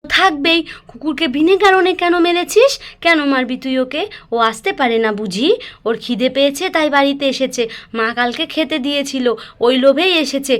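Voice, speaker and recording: Woman, high voice, bossy scolding big sister for a doll story. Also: fairly quick. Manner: scolding, bossy, then soft and soothing. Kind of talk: scripted doll story acting.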